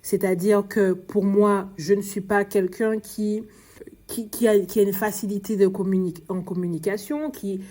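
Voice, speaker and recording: An exhausted woman from Martinique with a Martinican French accent, hosting a podcast and telling her own story in quick, stumbling speech, dropping her R sounds. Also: mid-range voice, fairly even intonation, warm tone. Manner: frequent restarts and fillers, confiding tone. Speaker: podcast host.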